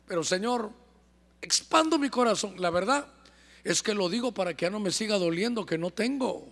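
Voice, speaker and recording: A man's voice: high voice, expressive, moderate pace, vocal fry, fairly bright tone, full character voice. Bitter childless woman begging god, man doing her, honduran, long echo in a church hall. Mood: pleading. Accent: Honduran Spanish. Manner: pleading, confessional prayer. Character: childless praying woman, bitter yet determined.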